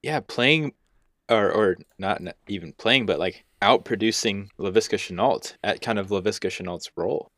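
Low-voiced rambling man on a podcast. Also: normal speed, a bit bright, dry recording, clean studio sound. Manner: rambling, self-deprecating, many restarts and fillers. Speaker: podcast co-host and youth basketball coach. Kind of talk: casual podcast chat.

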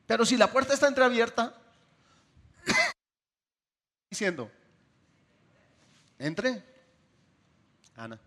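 A man preaching a sermon to his congregation, asking them questions and swinging between loud bursts and soft, drawn-out phrases. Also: extremely high pitch, breathy edge.

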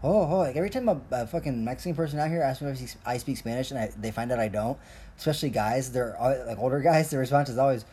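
Speaking fast in a warm, mid-range voice with a breathy edge, a young podcast host originally from Colombia rambles on. His monologue is a casual rant, full of profanity, jokes and self-mockery.

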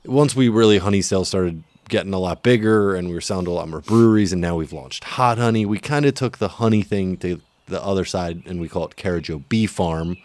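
A man with a low voice hosts a podcast out in an open natural area. His talk is laid-back and slangy, and the sound is dry, with no room echo. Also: fairly quick, hardly any pauses, darkish tone. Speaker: podcast host. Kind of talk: casual podcast chat.

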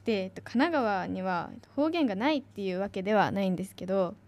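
A woman's voice: mid-range voice, expressive, quick pace, a little mellow, dull audio. A young woman from Kanagawa, an announcing student, giving a chatty free talk with many fillers. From Kanagawa, Japan. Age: young adult.

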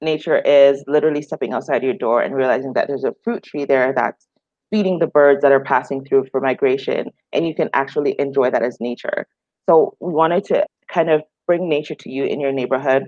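Speaking as a guest, the founder of an outdoor group, a woman from Jamaica gives easygoing, conversational interview answers filled with fillers. She has a very deep, darkish voice, and the remote recording is dry, slightly dull and free of echo.

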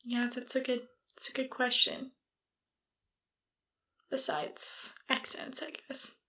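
A woman co-hosting a podcast, chatting in a playful way and quick to laugh. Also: sits high, monotone, pushed and bright. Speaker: podcast co-host. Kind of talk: casual chat.

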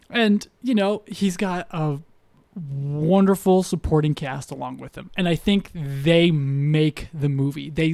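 Higher-voiced man rambling about movies. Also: vocal fry, darkish tone, no echo. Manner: rambling, hesitant, many fillers and restarts. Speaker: podcast co-host. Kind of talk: casual podcast chat.

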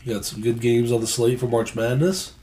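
A man hosting a casual sports podcast, with a raspy voice that sounds under the weather. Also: medium pitch, fairly even intonation, brisk, dark tone. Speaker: podcast host.

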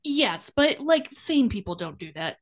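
A woman co-hosting a podcast in casual chat, talkative and quick to laugh. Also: fairly high pitch. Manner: chatty, laughs often, animated retellings. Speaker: podcast co-host.

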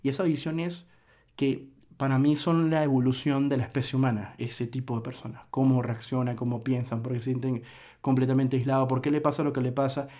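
A man's voice: medium pitch, level tone, fairly quick, dark tone. A man hosting a solo podcast, lecturing earnestly in a reflective monologue with frequent restarts. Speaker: podcast host.

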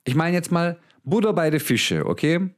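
A man's voice: on the high side, very animated, moderate pace. A young man delivering a motivational monologue, talking straight at his listener. He is blunt and emphatic, swears often, and slips English words into his speech. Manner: emphatic, addresses listener directly. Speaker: motivational speaker.

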